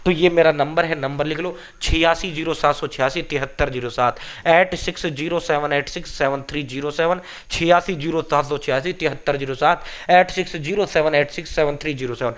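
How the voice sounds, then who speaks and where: A man hosting a coaching channel, giving exam news and pitching study notes in an emphatic, repetitive way, calling his viewers brothers. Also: fairly quick, hardly any pauses, a bit bright.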